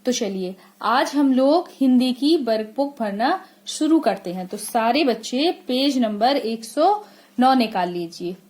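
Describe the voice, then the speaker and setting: A woman school teacher giving a lesson to children. She asks questions, answers them herself and repeats things slowly. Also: on the high side, animated, a little mellow. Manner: slow, repetitive explaining.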